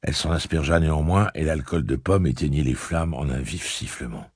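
A man reading a novel aloud as an audiobook narrator, telling the story in a measured, steady way. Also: extremely low pitch, breathy edge, no echo, clean studio sound.

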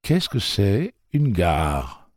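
A haughty, butler-like man in a spoken story, prim and stiff, who climbs into a shrill, panicky squeal, as a male narrator puts him on. The voice is lifted far above the reader's own and stays dry and close. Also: wildly swooping pitch, drawn-out words, darkish tone, no room sound, exaggerated voice. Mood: alarmed.

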